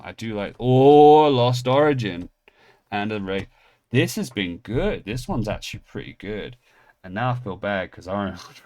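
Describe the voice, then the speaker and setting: A deep-voiced man in his thirties from England, whose accent has picked up American edges, hosts a pack-opening channel. His slightly mellow voice rambles through an anecdote before he opens card packs, cheerfully calling himself clumsy. His talk wanders, restarts and doubles back like easy chat with viewers.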